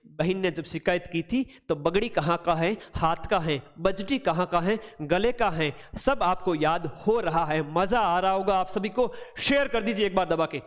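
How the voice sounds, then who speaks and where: A man's voice: high-pitched, unhurried, few pauses, long reverb tail. A man teaching an online exam-prep lesson, greeting viewers by name and making up playful memory tricks.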